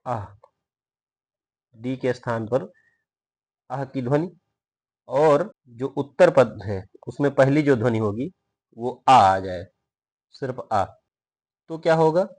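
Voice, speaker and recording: A man giving a grammar lesson at an unhurried, deliberate pace. He works through each rule methodically, asks questions and then answers them, and stretches out example words to demonstrate their pronunciation. His voice sits at an ordinary middle pitch. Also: expressive, a little mellow. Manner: slow, explains step by step and asks himself questions. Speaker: Hindi grammar teacher. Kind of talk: recorded video lesson.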